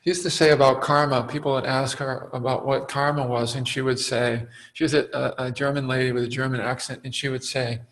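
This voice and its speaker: A man giving a dharma talk as a meditation teacher, reflective and halting, with frequent fillers and restarts. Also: medium pitch, little pitch movement, a bit bright, poor audio.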